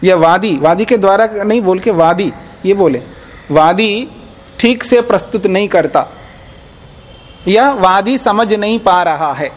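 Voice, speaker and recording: A man's voice: high voice, animated, a little slow. A man teaching a class on Indian logic, explaining patiently with repeated examples and frequent check-ins with his students. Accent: Hindi. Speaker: teacher of Nyaya philosophy.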